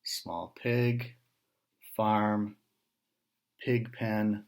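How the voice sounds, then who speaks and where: A man with a lowish voice reads a picture book aloud to young listeners. He pauses between short phrases and adds casual asides and questions.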